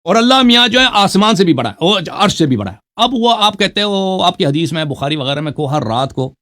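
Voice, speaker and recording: A man's voice: high-pitched, very animated, fairly bright tone. A man debating religion, who reads Arabic quotations aloud and then explains them in a mocking way, often checking with "right?". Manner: mocking, keeps asking "right?". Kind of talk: religious debate, citing texts.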